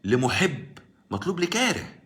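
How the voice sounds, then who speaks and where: A man's voice: fairly high pitch, very animated, moderate pace, a bit bright. A man with an Egyptian accent hosting a live stream, giving casual political commentary in an argumentative way and answering viewers by name. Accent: Egyptian Arabic. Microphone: live-stream mic.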